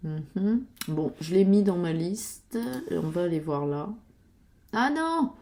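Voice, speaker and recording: A woman talks casually about upcoming board games, pausing with frequent fillers and muttering while she clicks through websites. Her voice sits low and mellow. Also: lively intonation. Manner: chatty, hesitant, many fillers, mutters to herself. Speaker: board game youtuber.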